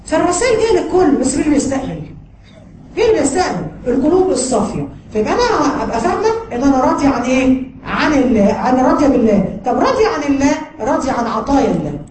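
A woman teaching a religious lesson in an Egyptian accent, lively and acting out the voices she quotes. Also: high-pitched, rapid-fire. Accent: Egyptian Arabic. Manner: lively, acts out quoted voices, frequent light laughs. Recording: roomy with ambient noise.

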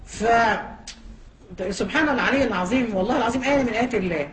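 A woman's voice: fairly high pitch, rapid-fire, echoey room, far from the mic. A woman with an Egyptian accent giving an impassioned religious talk as a teacher, fiery and sarcastic, firing off one rhetorical question after another. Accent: Egyptian Arabic.

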